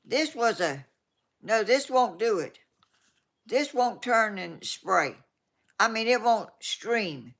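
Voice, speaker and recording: Her voice is on the high side and a bit bright, animated but slow, with vocal fry and long pauses. She's an eighty-something vlogger from Georgia with a Southern accent, reading comments to her viewers in a rambling way that trails off and restarts.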